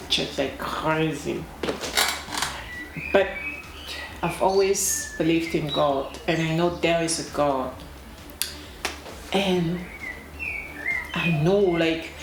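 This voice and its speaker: A young woman from Cameroon, talking casually to camera as a vlogger, slow and deliberate with pauses and emphatic repetitions. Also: low voice. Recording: echoey room with clear background noise.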